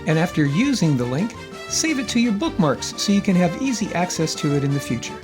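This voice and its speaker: Over music, a man with a high, very animated voice talks fairly quickly as the host of a DIY video series, giving a folksy, jokey how-to vlog full of rambling asides. A loud air conditioner hums behind him throughout.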